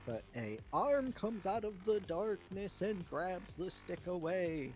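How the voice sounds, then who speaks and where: A man with a high, animated voice and a darkish tone speaks slowly while running a wrestling booking game on a live stream. He chats off the cuff, thinking aloud, over chillhop video game music.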